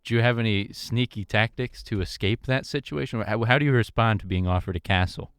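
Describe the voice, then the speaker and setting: Deadpan young man with a low, smooth voice. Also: fairly quick, no room sound. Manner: dry, deadpan joking. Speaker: radio show co-host. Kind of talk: comedic radio talk show.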